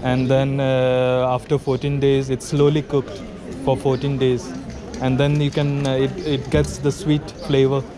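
A man's voice: mid-range voice, completely flat delivery, measured pace. An Indian man vlogging at an outdoor street food market, asking curious questions and laughing often. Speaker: vlogger host. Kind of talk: casual chat with vendors. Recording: busy outdoor market crowd noise.

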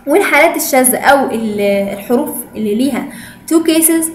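A woman's voice: high-pitched, expressive, quick pace, slight background noise. A woman with an Egyptian Arabic accent teaching English pronunciation in an online lesson, encouraging and full of praise, switching between Arabic and English. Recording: echoey room with faint ambience.

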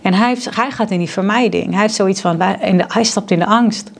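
A woman's voice: mid-range voice, brisk, creaky. A woman speaking as a spiritual coach in a casual monologue, earnest, acting out the voices of people she quotes. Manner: earnest, acts out quoted dialogue. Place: home on a mountain.

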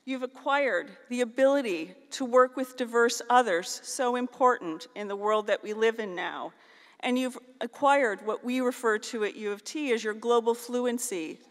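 A middle-aged woman from the US, giving a formal graduation keynote at a podium microphone on a large auditorium stage. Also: on the high side. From northeastern Ohio, US. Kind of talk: formal ceremonial speech. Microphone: podium microphone on a stand. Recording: long hall reverb.

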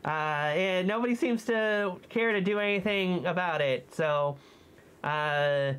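A woman in a costume head, chatting casually as co-host of a movie review, hesitant and often pausing to find her words. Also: on the low side, fairly bright tone, smooth. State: speaking through a costume head.

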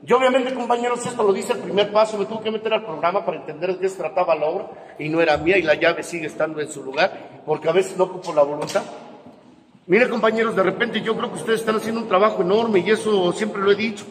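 A man with a Mexican accent giving a blunt, profane, scolding motivational talk to a recovery group, with bursts of loud emphasis. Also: high-pitched, fast talker, big-room sound, poor audio.

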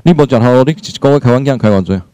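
A man's voice: mid-range voice, expressive, very fast, dark tone, clear, resonant tone, dry recording, pitched below the performer's own voice, lightly acted. A man acting out a nagging old mother-in-law who scolds and finds fault. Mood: scolding. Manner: scolding, grumbling, fault-finding.

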